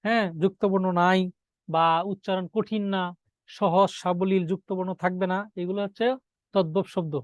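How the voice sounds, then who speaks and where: A man teaching an exam-prep grammar lecture, asking his students questions and answering them, and slowing down to dictate key words. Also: high-pitched, fairly even intonation, no echo, highs cut off.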